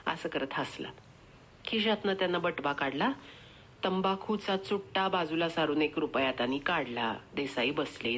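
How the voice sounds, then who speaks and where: A woman narrating a short story in a measured, expressive reading. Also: sits low, a little hiss or hum.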